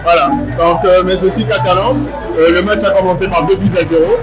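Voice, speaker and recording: A man with a fairly high voice speaking in a friendly but hesitant way as he answers questions. Very loud music nearly covers his words. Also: steady tone, fairly quick, low-quality recording. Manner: hesitant, friendly, many fillers. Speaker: community president. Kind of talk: casual interview answers.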